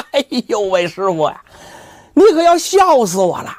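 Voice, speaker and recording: A man's voice: very high-pitched, fairly bright tone, heavily acted. A man voicing a smug young temple monk who boasts, sneers and threatens in a condescending way. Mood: mocking.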